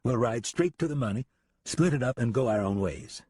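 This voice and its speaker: A man voicing a sly prisoner calmly talking his captors into a plan, in an audiobook. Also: medium pitch, normal speed, slightly rough, dry recording. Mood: coaxing. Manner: relaxed, coaxing. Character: sly jailed outlaw man.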